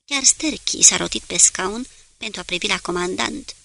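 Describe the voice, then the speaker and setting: A woman reading a novel aloud as an audiobook narrator, in a steady, measured way. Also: mid-range voice, gravelly.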